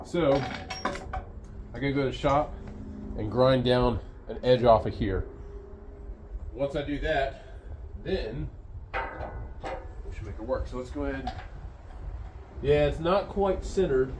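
A man's voice: medium pitch, takes it slowly, pauses often, background noise. Man casually explaining a sawmill fix outdoors. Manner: relaxed, explains step by step with fillers. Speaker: sawmill owner showing a repair. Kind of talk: casual how-to demonstration. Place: outdoors at a sawmill under an open shed.

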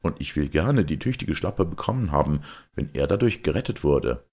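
A man's voice: a bass voice, lively intonation, moderate pace, darkish tone. A man voicing an eager, courteous young knight in an audiobook, speaking in a raised, earnest tone. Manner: raised, ringing, earnest delivery. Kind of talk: audiobook character voice.

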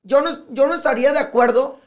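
A man with a Mexican accent talking as a podcast guest in casual conversation, animated and profane, often acting out what others say. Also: very high-pitched, fairly quick. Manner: animated, profane, acts out quoted speech.

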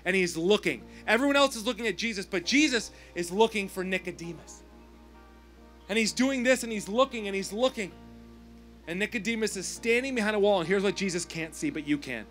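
A man preaching a sermon as pastor, impassioned, swinging from hushed tones to loud pleading at an outdoor service. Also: high-pitched, expressive, fairly quick, soft background music. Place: outdoor service with people in parked cars.

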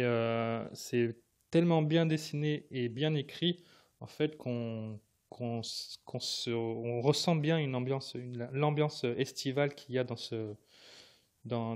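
A man gives a relaxed spoken review of a manga. He hesitates often, repeating words and filling pauses as he gathers his thoughts. His voice sits at a middle pitch for a man. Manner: hesitant, many fillers and restarts. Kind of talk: casual spoken book review.

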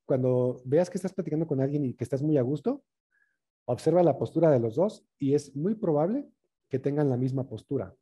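A man gives a relaxed workshop talk on communication. His voice is very dark and mellow, with a husky edge. He often checks in with his listeners through quick tag questions. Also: fairly high pitch.

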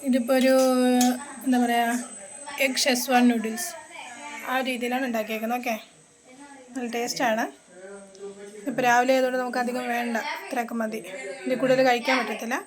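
A woman's voice: fairly high pitch, flat delivery, a little fast, long pauses. A woman chatting casually in a home vlog, explaining her cooking. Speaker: family vlogger.

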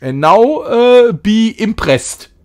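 This man plays a game on a live stream and talks over it in a loose, joking, self-mocking way, now and then putting on a mock-grand English manner. His voice sits high and sounds smooth and sing-song, with words drawn out.

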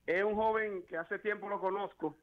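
A man calling in to a TV show, warmly praising the guest. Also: sits high, fairly even intonation, moderate pace. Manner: warm, praising. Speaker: phone caller. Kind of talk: call-in greeting. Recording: dull phone-line call.

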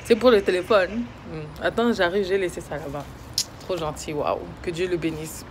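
A young woman vlogger chats playfully in a casual vlog, her voice on the low side at normal speed, with slight background noise. She slips English words in and swings between loud teasing and quiet talk.

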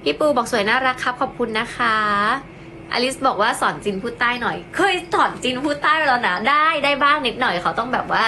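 A woman's voice: fairly high pitch, lively intonation, fast, sharp tone, slight background noise, poor audio. A young woman from Thailand chatting casually on a phone live stream, thanking viewers and cooing affectionately over her cats.

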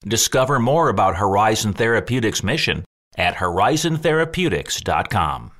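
Lively male podcast announcer. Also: fairly low pitch, moderate pace. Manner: lively, polished announcer delivery. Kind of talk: scripted announcing.

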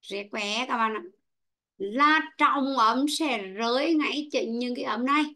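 A woman teacher leads an online English class with a Vietnamese accent. Her voice sits a little high and she speaks slowly and patiently, calling on pupils one by one. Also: sharp tone. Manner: slow, patient, calls on pupils by name.

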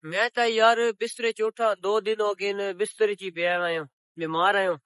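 A young Pakistani man with a Punjabi accent vlogs in open countryside on a cloudy, windy day, holding his phone at arm's length for a casual selfie video. He chats to viewers, addressing them as the public, in a high, steady, slightly bright voice at normal speed, still recovering from a sore throat. No room sound is present.

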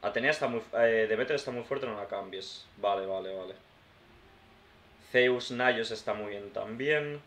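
A man's voice: medium pitch, normal speed, hardly any pauses, fairly bright tone. A man from giving casual let's-play commentary, thinking aloud and talking to his viewers like friends. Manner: chatty, thinks aloud, addresses viewers as "tío" and "hermanos". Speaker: gaming YouTuber. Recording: roomy sound with faint background noise.

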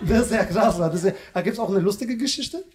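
A male stand-up comedian doing teasing, loud crowd work in a live club, with a slang manner. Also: high-pitched. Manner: teasing, loud, fast banter with slang fillers. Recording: live room with crowd laughter. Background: audience laughter.

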